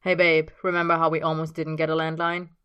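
A woman voicing a calm, affectionate young man who speaks plainly, in a fan story read aloud. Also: fairly quick, clear, resonant tone, dry recording, lo-fi sound. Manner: matter-of-fact and low-key.

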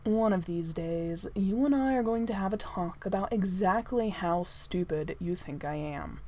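A woman's voice: on the low side, a little slow. A woman voicing an exasperated, imperious young prince in a storybook, speaking evenly and curtly with dry wit. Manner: even, curt, withering.

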